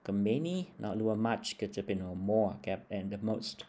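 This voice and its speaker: Low, mellow-voiced male English teacher. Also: expressive, slow. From Laos. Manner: patient, checks in with a tag word after almost every phrase. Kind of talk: classroom-style lesson explaining English grammar.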